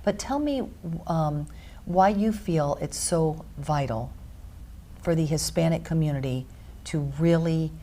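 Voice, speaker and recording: A woman's voice: sits low, a little slow, dark tone, slight background noise. A woman hosting a talk radio show, pressing her points in emphatic lists.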